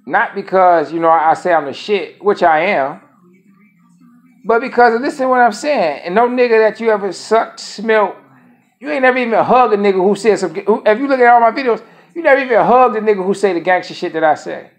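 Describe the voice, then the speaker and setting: A man's voice: sits high, brisk. A man in his thirties speaking a casual monologue to camera, rambling and profane, often repeating his phrases. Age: 30s. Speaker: vlogger.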